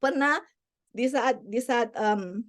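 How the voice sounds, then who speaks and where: A woman's voice: a little high, slow pace. A woman preaching a sermon, earnest and repetitive, mixing English phrases into her teaching. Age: adult parent. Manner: earnest, repeats key points.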